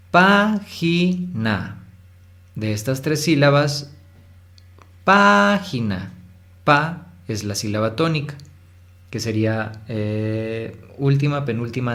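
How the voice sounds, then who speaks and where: Male tutor, patient explainer, drawn-out example words, casual fillers. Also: medium pitch. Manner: explanatory, repeats words slowly to stress syllables, frequent fillers. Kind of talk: recorded lesson.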